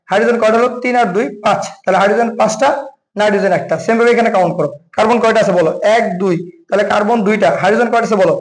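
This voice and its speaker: Fast, high-voiced Bangladeshi Bengali man tutoring. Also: reverberant, rough recording. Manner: quizzes listener then answers himself; addresses viewer as brother. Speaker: chemistry tutor. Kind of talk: exam-prep lecture.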